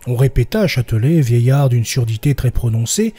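A man narrating historical court testimony for a podcast, voicing the quoted villagers a little higher and stumbling now and then. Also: animated, fairly quick, dark tone, breathy edge. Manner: reads quoted villagers with raised pitch, slips and restarts.

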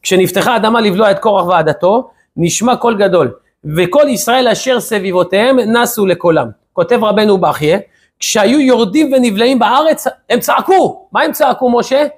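Male rabbi teaching the weekly portion; raised pitch with a breathy edge, animated storyteller. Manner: lively storyteller asking rhetorical questions. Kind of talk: weekly Torah lesson.

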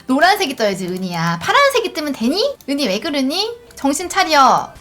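A woman streaming a game, giving live gameplay commentary in an excitable way, pleading and groaning at each roll. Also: high voice, normal speed.

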